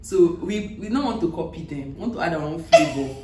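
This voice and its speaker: A young Nigerian woman with a Nigerian accent, hosting a casual accent challenge with friends, laughing and spelling words out slowly. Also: low-pitched, expressive, warm tone. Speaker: vlogger running an accent challenge. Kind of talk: casual chat among friends. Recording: echoey room, mic at a distance, faint hiss.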